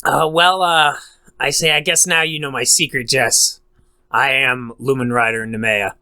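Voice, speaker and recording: A man's voice: mid-range voice, fairly even intonation, unhurried, bright, forceful tone, clear, resonant tone, no echo. A man as a player in a tabletop game, describing his actions hesitantly with many fillers. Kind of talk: casual tabletop role-play.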